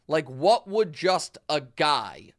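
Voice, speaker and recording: Animated sports talk host, man. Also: a little high, slow, no echo, clean studio sound. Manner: animated, emphatic, frequent restarts.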